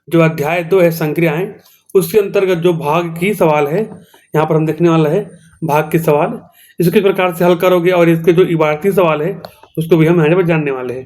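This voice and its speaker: A man's voice: fairly high pitch, brisk, a little mellow. A male teacher with a Chhattisgarhi-tinged Hindi accent, explaining a maths lesson step by step and often checking in with his students. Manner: explains step by step, repeats "theek hai doston".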